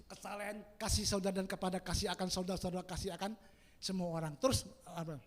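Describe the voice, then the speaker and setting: A male preacher giving a sermon to a congregation, swinging from loud emphatic shouts down to quiet, folksy asides with chuckles. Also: little pitch movement, fast. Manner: rises to loud emphatic shouts, then drops low.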